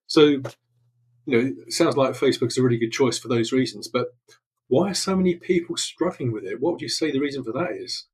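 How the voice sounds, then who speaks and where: Male host, husky voice, polite short questions, video call. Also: mid-range voice, fairly quick, a little mellow, low-quality recording. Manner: polite, brief prompts. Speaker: interview host. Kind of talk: interview questions.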